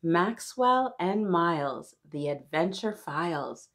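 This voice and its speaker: Her voice low and her pace slow, a woman hosts an interactive storytime for young children. She reads with animated encouragement and speaks directly to the little ones listening.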